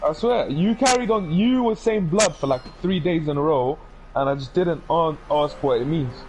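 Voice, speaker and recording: A man's voice: a little high, normal speed, background noise. Slangy young London man telling stories. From Lebanon, raised in Essex and London. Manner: slangy, rambling storyteller. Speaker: streamer playing with friends. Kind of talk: casual chat.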